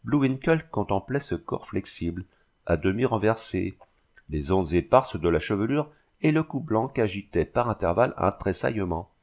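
A man narrating a classic novel in a measured literary reading. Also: lowish voice, expressive, a little mellow. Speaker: audiobook narrator. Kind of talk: scripted narration.

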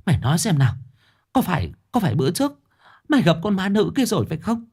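A frantic middle-aged village mother, her voice pitched high and shrill, stammering and pleading over her son, as a male storyteller puts her on. Her tone leaps about wildly from line to line in this spoken ghost story. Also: very animated, moderate pace, darkish tone. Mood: panicked.

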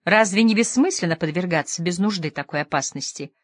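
A sharp, skeptical young woman, as a woman reader puts her on, firing off pointed questions. Her voice sits low, and the audiobook sound is dry and close. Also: lively intonation, brisk, dry recording. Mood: questioning. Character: young woman, torn between disgust and curiosity.

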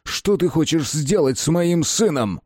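A man's voice: fairly high pitch, expressive, unhurried, a little mellow, no echo, studio quality, pitched above the performer's own voice. Flustered man, tongue-tied, stumbling over words, read by a male narrator, raised and urgent. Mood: angry.

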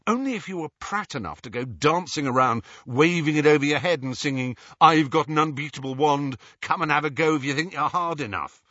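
A man's voice: on the high side, a little fast, few pauses, pushed and bright, no room sound, voice pushed up. A man reading an audiobook, voicing a blunt, cheeky teenage boy who mocks and argues. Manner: blunt, mocking. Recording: dull, dry audiobook recording.

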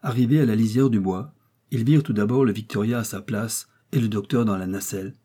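A man reading a classic adventure novel aloud as audiobook narrator, in an even, steady storytelling way. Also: on the low side, fairly quick, husky. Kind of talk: scripted narration.

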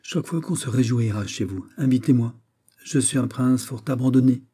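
A man's voice: mid-range voice, dark tone, husky, voice pushed up, lightly acted. A man reading aloud, voicing a jealous, petulant royal prince who turns bitter and angry. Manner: bitter, quick to anger, whining.

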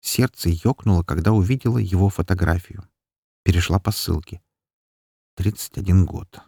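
Deep, husky male audiobook narrator. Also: normal speed, mellow, no room sound, studio quality. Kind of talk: audiobook narration of a first-person story.

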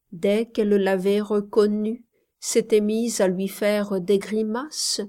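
A woman reading a literary short story aloud in a measured way, sometimes sinking to a soft whisper. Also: medium pitch. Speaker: narrator. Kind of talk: scripted literary narration.

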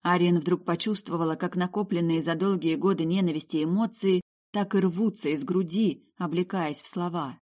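A woman reading an audiobook narration in a measured, even way. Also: on the low side.

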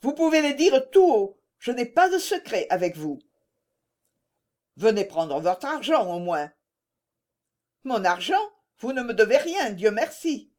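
A proud young shepherdess answers firmly in a raised, lively voice, as a woman reading the tale puts her on. She sounds earnest and sure of herself. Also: fairly high pitch, unhurried, pauses often, voice pushed up.

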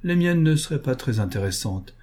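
A man reading as a sharp-witted young woman with a dry, ironic manner. The voice is dark and husky. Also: medium pitch, animated, normal speed, lightly acted.

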